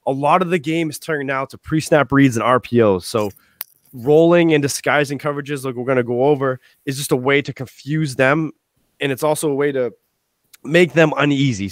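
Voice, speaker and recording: Here a young man presents a live football coaching session on a video call, talking in a medium pitch through an earphone microphone. It's a laid-back live-stream style, quick and loaded with fillers and false starts. He's in a small home room, and there's no room sound at all.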